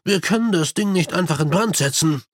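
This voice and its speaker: A man's voice: sits high, animated, brisk, no room sound, studio quality. A man reading the lines of a harried army major in a storybook, speaking in short, exasperated questions.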